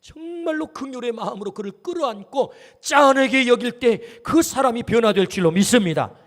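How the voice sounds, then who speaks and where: A man's voice: very high-pitched, expressive, normal speed. A male pastor preaching a sermon in a church, talking animatedly and putting questions straight to the congregation. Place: church sanctuary. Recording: long reverb of a church hall.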